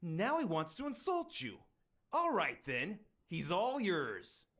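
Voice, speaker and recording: A man's voice: sits high, wildly swooping pitch, takes it slowly, a bit bright, heavily acted. Swaggering, menacing mob henchman. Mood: mocking, in charge. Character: menacing, mocking mob henchman in charge of thugs. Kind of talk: noir crime game acting.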